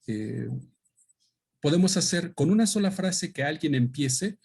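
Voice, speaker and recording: A man with a Mexican Spanish accent, a native Otomi speaker, giving an explanatory talk to an audience at a book presentation, thoughtful and halting as he searches for words. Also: a little high, lively intonation, creaky, darkish tone, husky. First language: Otomi (Hñähñu).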